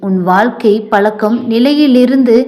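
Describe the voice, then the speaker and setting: A woman's voice: fairly high pitch, normal speed, dark tone, lightly acted. A woman voicing an earnest, protective older father in a storybook tale, speaking in a reassuring tone.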